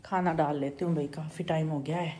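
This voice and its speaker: A woman's voice: fairly even intonation, a little fast, dark tone, slight background noise. A young woman vlogger chatting casually to her viewers, keeping her voice down at times. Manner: chatty, addresses viewers as bhai; lowers voice to avoid waking someone. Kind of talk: casual daily vlog chat.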